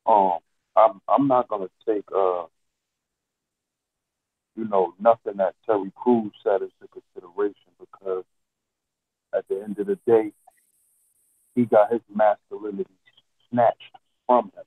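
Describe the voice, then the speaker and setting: A man's voice: on the low side, fairly even intonation, unhurried, pauses often, no room sound. A man speaking in an online audio chat room through a headset. He sounds muffled, as if through a wall, and lectures insistently with repeated rhetorical questions. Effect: muffled, dull sound as if through a wall. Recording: muffled, tinny headset line with a dry sound.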